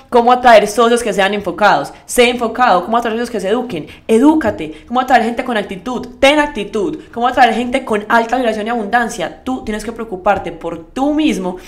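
A young adult woman leading a network marketing team, giving a motivational live talk and speaking straight to her audience with lively asides. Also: mid-range voice. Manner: emphatic, addresses the audience directly.

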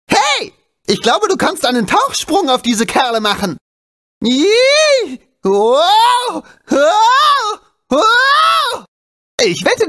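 A small, wisecracking animal sidekick from a video game speaks in a high, exaggerated male voice that jumps around with very animated intonation. He's excitable, cheeky and urgent, full of exclamations. His mood starts out excited and urgent, then turns chatty and advising.

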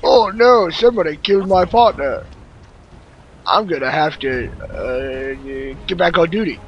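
A man's voice: mid-range voice, monotone, normal speed, creaky, dull audio, lightly acted. A man doing a lazy guard with a bad English accent. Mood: mock alarm. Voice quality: clumsy put-on accent. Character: bored male redcoat guard, mock English accent.

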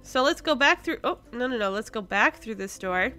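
A woman with a bright, forceful, fairly high voice speaks expressively at normal speed over soft background music. As host of a gaming series, she gives casual let's play commentary, thinking aloud and exclaiming in surprise as she plays.

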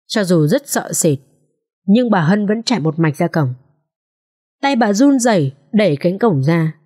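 A woman narrating a dramatic social drama audiobook in an expressive storytelling manner. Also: on the low side, breathy edge.

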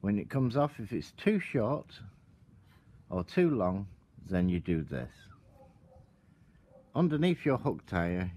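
A man giving a calm, step-by-step tutorial while working with his hands at an outdoor table. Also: low voice. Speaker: product demonstrator.

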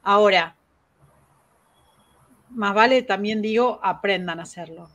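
A woman with a Rioplatense Spanish accent hosting a live-stream talk on spiritual growth. She talks fast and laughs at herself. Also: medium pitch, fairly bright tone, lo-fi sound. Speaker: host.

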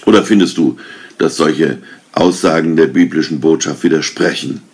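A man's voice: rumbling low, moderate pace, breathy edge, exaggerated voice. A man voicing a towering, threatening man dressed as a holy king, who lectures sternly in a storybook reading. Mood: lecturing.

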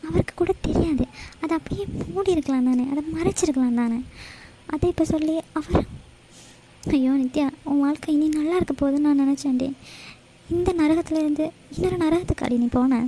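A woman's voice: high voice, a little fast, dark tone, lightly acted, rough recording. A woman voicing a young cartoon friend who scolds and worries in an exasperated way. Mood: scolding. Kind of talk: cartoon voice acting.

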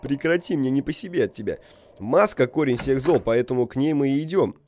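A man's voice: mid-range voice, expressive, a little fast, a little mellow, slight background noise. A young man giving casual, rambling, jokey video game commentary, reacting aloud and reading on-screen text. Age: young adult. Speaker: video game let's player.

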